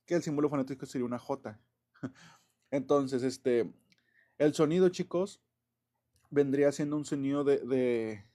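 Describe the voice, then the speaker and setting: A man's voice: mid-range voice, mellow. A man explaining English grammar in a loose, chatty way, with many fillers, self-corrections and small chuckles. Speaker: English teacher. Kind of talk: casual classroom explanation.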